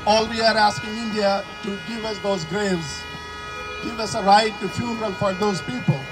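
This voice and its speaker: A man's voice: high-pitched, steady tone, normal speed, music in the background. A man from Kashmir with a Kashmiri accent giving an earnest political speech in short, emphatic phrases. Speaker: protest speaker. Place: outdoors at a street protest.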